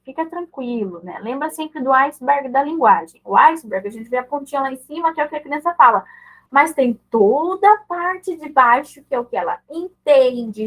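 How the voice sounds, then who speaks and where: A woman with a high, light voice leads an online mentoring session for parents. She talks in a conversational way, checking in with listeners through quick tag questions. She often slips into short example exchanges between a mother and her child. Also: a bit bright, rough recording.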